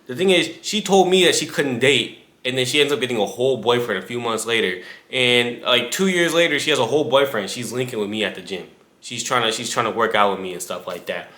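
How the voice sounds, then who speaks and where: Speaking briskly in a sharp, mid-range voice, a man in his twenties who makes fitness content talks straight to the viewer with casual advice, slang, and frequent asides. The room he records in is echoey.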